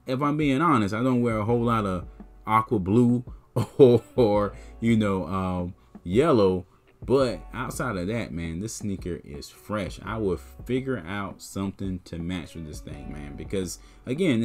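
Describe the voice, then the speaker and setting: Man, lowish voice, easygoing sneaker vlogger, faint music bed. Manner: laid-back, chatty, says "man" and "you know" often. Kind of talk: casual talk to camera.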